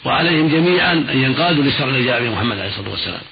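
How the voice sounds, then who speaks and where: Very fast, gravelly male religious scholar. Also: medium pitch, lively intonation, over a noisy crowd. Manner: didactic, emphatic repetition. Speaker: Islamic scholar answering listeners' questions. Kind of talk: religious instruction in formal Arabic. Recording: noisy, dull old radio recording.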